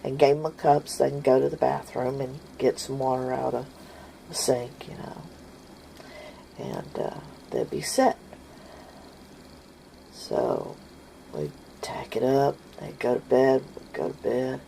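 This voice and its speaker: A woman's voice: extremely low pitch, expressive, unhurried, creaky, pauses often, mellow, a little hiss or hum. A woman telling a funny family story in a casual, folksy way, often laughing as she goes.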